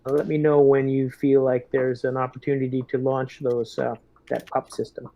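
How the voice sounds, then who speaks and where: Recorded through a muffled, dull mic, this man's medium-pitched voice is flat, mellow, and moderately paced. During a tabletop RPG session he works through plans and questions in hesitant, in-game planning talk.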